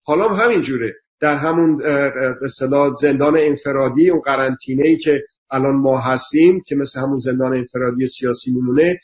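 A man's voice: medium pitch, hardly any pauses. Earnest man lecturing in lists. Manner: repetitive, lecturing, emphatic lists. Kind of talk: earnest explanatory talk. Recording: dull lo-fi sound.

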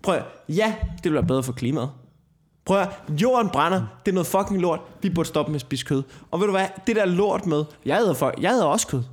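A man's voice: high-pitched, animated. A man co-hosting a podcast, ranting and swearing his way through a heated casual chat. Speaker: podcast co-host.

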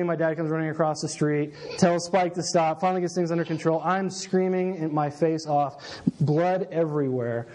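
A man's voice: a little high, darkish tone. Young man preaching a casual sermon. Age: 20s. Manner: conversational, self-deprecating storyteller. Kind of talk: casual sermon with personal story.

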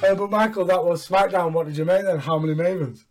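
A man hosting a casual recap chat with sweary, excitable fan talk. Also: high voice, quick pace, faint music behind. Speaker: wrestling podcast host.

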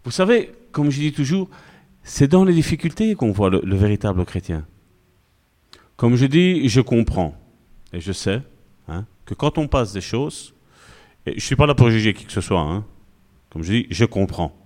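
Male pastor, sermon, animated, conversational, lively pitch. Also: moderate pace, long pauses. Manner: animated, conversational preaching with asides.

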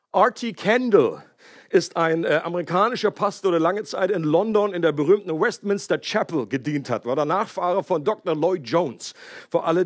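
High-voiced German preacher man. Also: no echo, clean studio sound. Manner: lively preaching, asks the congregation questions, mixes in English words. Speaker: pastor. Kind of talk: sermon.

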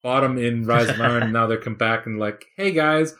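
A man hosting a casual gaming podcast, chatty and excited, with a rambling way of talking. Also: mid-range voice, brisk, slight background noise. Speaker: podcast host. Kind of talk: casual chat.

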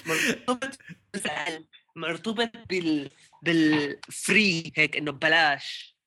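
Sharp, bright-voiced Levantine Arabic man, chatting. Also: a little high, slight background noise. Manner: halting, mixes English tech words into Arabic. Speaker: podcast co-host. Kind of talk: casual tech discussion.

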